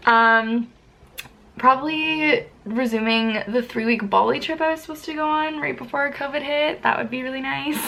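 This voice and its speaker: A young woman talks in a bubbly sorority-girl way, with a creaky vocal fry. She chats casually, as if to friends while getting ready, dropping "like" and "super" often. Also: on the high side, fairly bright tone, a little hiss or hum. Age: young adult. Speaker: sorority member answering questions. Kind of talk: casual get-ready-with-me chat.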